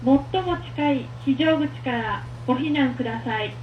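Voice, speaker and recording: High woman's voice over an echoey PA speaker. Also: brisk, recorded from a distance, slight background noise. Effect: building PA loudspeaker. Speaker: recorded alarm announcer. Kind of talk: recorded emergency announcement. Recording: echoey muffled loudspeaker heard from afar.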